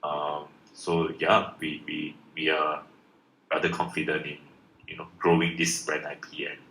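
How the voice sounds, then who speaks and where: A deep-voiced man from Malaysia fields questions in a loose live Q&A, stalling on "um" and restarting his sentences. His tone is bright and forward. The audio has a roomy echo and faint background noise. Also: monotone, unhurried. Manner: hesitant, many fillers and restarts. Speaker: project founder. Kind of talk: casual live Q&A answers. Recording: echoey room with faint noise.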